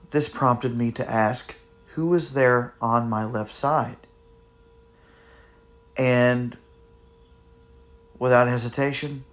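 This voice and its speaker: A man with a mid-pitched voice narrates a paranormal investigation for viewers. He speaks slowly and deliberately, in halting phrases with pauses between them, as the host explaining a spirit box session.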